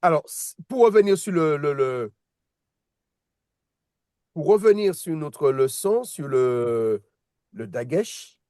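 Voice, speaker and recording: A man's voice: fairly high pitch, animated, slow pace, pauses often, darkish tone, dry recording, studio quality. A man teaching a language lesson in a casual way, often restarting and repeating words while checking that his students follow. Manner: patient, checks understanding with "d'accord?". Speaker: Hebrew teacher.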